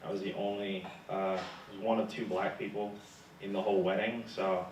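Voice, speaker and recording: A man's voice: low voice, level tone, brisk, echoey room, distant mic, lo-fi sound, noisy background. Young man telling funny stories. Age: young adult. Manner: humorous storytelling, laughs often. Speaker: guest speaker, graduate student. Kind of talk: interview answers.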